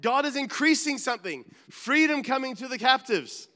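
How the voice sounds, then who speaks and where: A male pastor with a high, bright, clear voice preaches earnestly, climbing to emphatic peaks and dropping into asides. His words ring out with a long reverb, as in a large church hall. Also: animated, moderate pace. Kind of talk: sermon.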